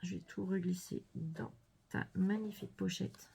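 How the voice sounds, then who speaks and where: Gravelly, husky-voiced woman gushing softly. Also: fairly low pitch, steady tone, measured pace. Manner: gushing, soft-spoken, drops to whispers. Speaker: scrapbooking vlogger. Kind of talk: casual unboxing chat.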